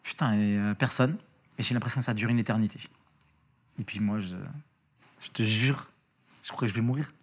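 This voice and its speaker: A man speaking as an interview guest, telling a story in a casual, lively way, with slang, swearing and many restarts. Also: fairly low pitch, brisk, pauses often.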